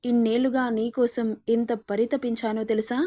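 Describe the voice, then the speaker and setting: A woman narrator voices a young male kidnapper in a spoken story, possessive and smug. The voice stays mellow and a touch high, with a sneering, coaxing manner. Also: little pitch movement, moderate pace, natural voice.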